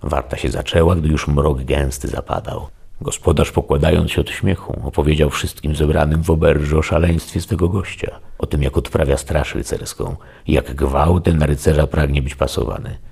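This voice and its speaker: A man reads a classic novel aloud in a measured, solemn way. His voice is extremely deep, with a gravelly, fry-laden texture. The narration is steady and scripted. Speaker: audiobook narrator.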